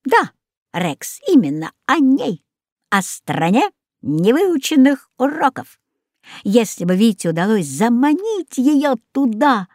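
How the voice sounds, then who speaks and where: A woman's voice: a little high, slow, dry recording, clean studio sound, pitched above the performer's own voice, exaggerated voice. Woman doing a wise old scheming cat. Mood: knowing. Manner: calm, knowing and decisive.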